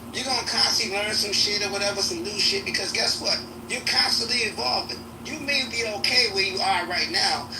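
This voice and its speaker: A man in his sixties giving blunt, profane life advice in casual chat. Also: high voice. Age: 60s. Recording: echoey room, far from mic, noisy.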